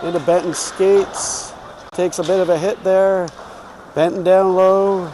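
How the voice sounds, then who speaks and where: A man's voice: high voice, flat delivery, measured pace, mellow, low-quality recording. A man giving informal, home-team live play-by-play commentary on youth hockey. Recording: clear rink noise behind.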